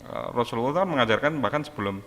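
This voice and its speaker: Bright-voiced middle-aged man, reflective. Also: mid-range voice, lively intonation, rapid-fire, long reverb tail, slight background noise. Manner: reflective, hesitant with fillers, laughs easily. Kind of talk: casual book discussion.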